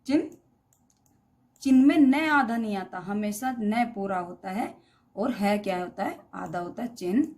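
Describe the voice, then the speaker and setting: A woman's voice: medium pitch, measured pace, a little mellow. Woman teacher quizzing on word spellings. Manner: reads each word twice, wrong then correct, with quizzing questions; addresses students as beta. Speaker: Hindi grammar teacher. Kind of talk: classroom lesson on spelling errors.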